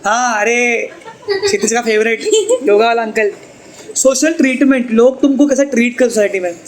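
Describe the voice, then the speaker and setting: A man's voice: extremely high pitch, moderate pace, a little hiss or hum, poor audio. Jokey man teaching a classroom. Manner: jokey, teasing, chatty. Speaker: tuition teacher. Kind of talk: classroom lecture. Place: tuition classroom with students.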